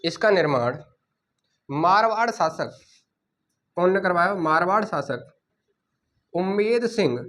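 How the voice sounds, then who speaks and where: High-voiced coaching teacher. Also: male voice, expressive, fairly bright tone. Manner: repeats key words slowly for students to write. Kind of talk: classroom lecture dictating notes.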